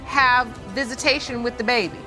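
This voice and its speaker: High-voiced woman judge questioning in court. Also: normal speed, pushed and bright, soft background music, rough recording.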